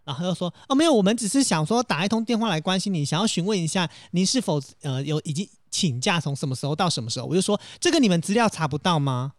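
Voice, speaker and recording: A man co-hosts a casual podcast, spinning stories in a high, swooping voice. He talks quickly and acts out both sides of the phone calls he retells. The sound is close and dry. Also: expressive, dry recording. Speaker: podcast co-host.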